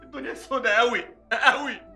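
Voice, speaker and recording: An actor playing a weeping, despairing male doctor in a TV drama, speaking Egyptian Arabic in a low, hushed, broken voice. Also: fairly quick, roomy sound, soft background music, heavily acted. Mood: grieving. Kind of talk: TV drama acting.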